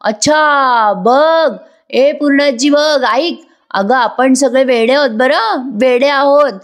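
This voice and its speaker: A woman's voice: a little high, normal speed, close to an everyday voice. A woman voicing a rude, spoiled young woman who mocks and sneers at her family. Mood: sneering. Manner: mocking, scornful.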